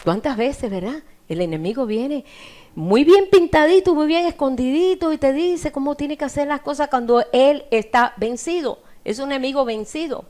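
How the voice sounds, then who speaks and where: A woman's voice: high voice, lively intonation, moderate pace, darkish tone. A woman preacher delivering an impassioned sermon, often addressing her listeners directly as brother.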